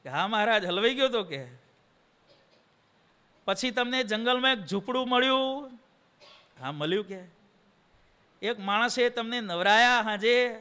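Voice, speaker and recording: A swami preacher with a Gujarati accent delivers a devotional sermon, telling a story and acting out its dialogue by shifting voices between characters. His voice is very high-pitched, animated and unhurried, with frequent pauses. The tone is pushed and bright, clear and resonant.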